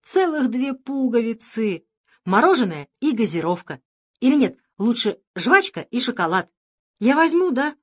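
A woman voicing a spoiled, petulant rich young man who whines and shouts. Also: medium pitch, lively intonation, fairly quick, few pauses, close to an everyday voice. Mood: excited.

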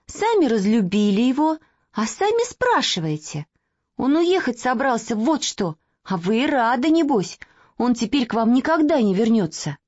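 A woman's voice: on the high side, very animated, normal speed, a little mellow, dry recording, pitched above the performer's own voice. A woman voicing an earnest little girl who speaks bluntly and reproachfully. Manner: blurting, reproachful. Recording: dry, slightly dull recording.

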